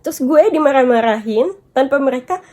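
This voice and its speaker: A woman's voice: sits high, expressive, brisk, dark tone. A woman vlogger venting about being scolded, upset and tearful at times, mixing English and Japanese words into her talk. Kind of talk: emotional storytime vlog.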